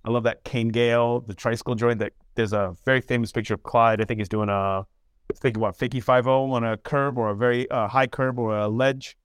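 A man in his forties co-hosting a casual podcast, animated and slangy, laughing easily. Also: mid-range voice, brisk, clear, resonant tone, dry recording, clean studio sound. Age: 40s. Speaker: podcast co-host.

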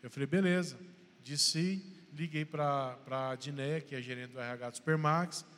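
A Brazilian man, accented in Brazilian Portuguese, delivers an unhurried church testimony in a medium-pitched, somewhat bright voice that trails off in long reverb. Storytelling gives way to an acted-out phone exchange, and he closes by urging the congregation forward as a preacher would.

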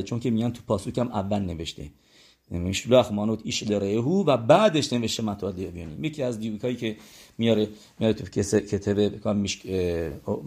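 A man's voice: on the low side, creaky, mellow, husky. A man teaching a religious lesson, working through number sums aloud and asking his listeners whether they follow. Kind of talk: explaining religious law and numerology.

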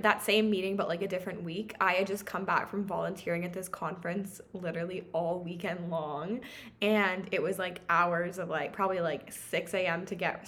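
A woman's voice: on the low side, fairly bright tone. A young adult woman, co-hosting a casual chat and telling stories in a rambling way, full of fillers and laughter. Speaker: podcast co-host.

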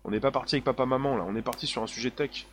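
A man's voice: medium pitch, very fast, a bit bright, slight background noise. Emphatic man hosting a live stream. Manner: emphatic, repetitive, many fillers. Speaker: livestream host. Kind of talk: live stream chat, reading viewer comments.

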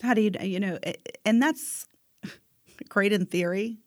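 A woman in her forties speaks emphatically in a casual chat about health, often tagging her points with "right?". Her medium-pitched voice has a measured pace, recorded with clean studio sound and no room sound.

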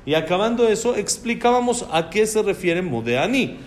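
A man's voice: high voice, big pitch swings, normal speed. A man teaching a religious lesson on prayer, posing questions and answering them himself. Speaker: Torah teacher.

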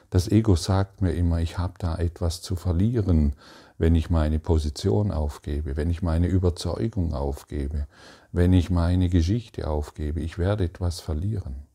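A man giving a calm, meditative spiritual talk, speaking to the listener directly and asking probing questions in halting phrases. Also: sits low. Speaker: spiritual teacher.

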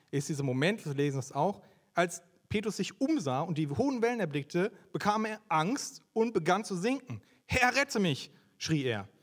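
A young man with a fairly high voice delivers a sermon in a relaxed, conversational way. He keeps turning to the audience with quick questions and keeps the tone lively. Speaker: preacher.

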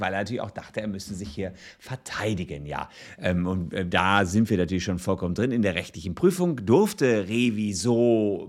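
A man commenting on a video and explaining criminal law in a relaxed, thinking-aloud way with frequent fillers. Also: fairly low pitch. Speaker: legal commentator.

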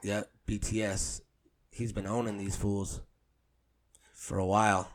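A man's voice: on the low side, level tone, unhurried, slight background noise. A man chatting casually as a co-host, irreverent and sardonic, swearing freely. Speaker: co-host commenting on pop music groups. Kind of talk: casual, joking chat.

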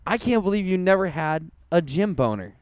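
Man co-host, teasing and crude, slightly high voice, dry close sound. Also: big pitch swings, fairly quick, dry recording. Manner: teasing, swearing, laughing often. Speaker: podcast co-host. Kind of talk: crude casual chat.

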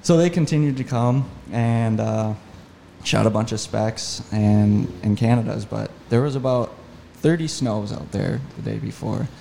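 A man's voice: on the low side, a little slow, gravelly, slight background noise. A man telling a story as a podcast guest, in a casual, enthusiastic way. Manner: enthusiastic, animated retelling. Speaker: podcast guest, hunting guide.

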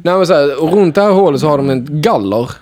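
A young man casually telling a chaotic story to friends, animated, laughing often and swearing freely. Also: on the high side, crowd noise.

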